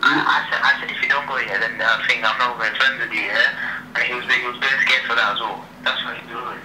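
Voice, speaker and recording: Fast and steady in a mid-range voice, a young man chats on a speakerphone held up in a room. The audio is noisy and echoey. He's slangy and repetitive, finishing sentences with "yeah" and "innit".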